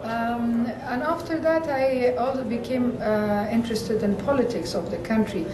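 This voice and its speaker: A woman gives an interview and picks her words slowly, with many pauses and fillers. She sounds distant from the mic, and her voice rings in an echoey room with clear noise behind it. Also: fairly high pitch. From Afghanistan. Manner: hesitant, many fillers, thoughtful. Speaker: interview guest.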